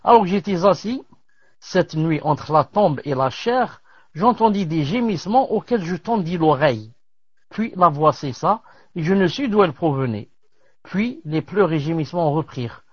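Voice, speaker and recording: A man's voice: a little high, expressive, slightly rough, dry recording. Man reading a religious text, lo-fi. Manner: measured reading with pauses and Arabic religious terms. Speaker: religious teacher. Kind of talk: reading aloud and commenting on a classical text. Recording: dull lo-fi dry recording.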